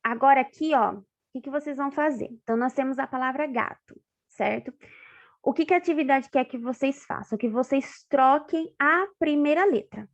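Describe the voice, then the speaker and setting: A woman's voice: high voice, moderate pace. A woman teacher with a Brazilian accent, patiently walking pupils through a lesson step by step and checking in often. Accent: Brazilian Portuguese. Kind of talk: online class walkthrough. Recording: dull lo-fi online class audio.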